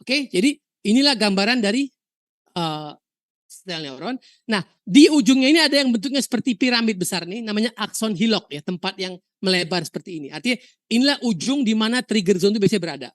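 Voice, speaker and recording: A woman from Indonesia teaching a university histology lecture, telling lively stories, asking rhetorical questions and dropping in English terms. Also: medium pitch, quick pace, no room sound, studio quality. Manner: mixes English terms into explanation.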